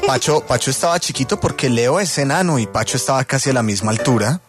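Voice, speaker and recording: A man in his thirties, a radio co-host who breaks in with quick quips. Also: medium pitch, music in the background. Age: 30s. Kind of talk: joking studio banter.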